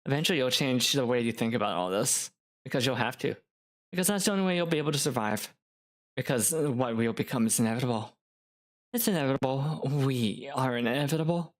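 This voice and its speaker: A man's voice: medium pitch, animated, fairly quick, lightly acted. A man voicing a possessive, menacing young woman who speaks with cold, controlling certainty in a game.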